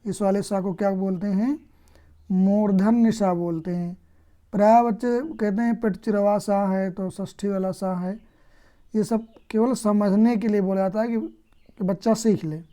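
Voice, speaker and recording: A woman teaching a grammar lesson who asks her own questions and then answers them, patient and unhurried. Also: mid-range voice, fairly even intonation, mellow.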